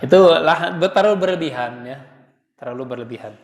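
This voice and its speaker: A man's voice: on the high side, a little fast, echoey room, big-room sound. A man teaching Quran pronunciation, patiently demonstrating letter sounds and chanting short words.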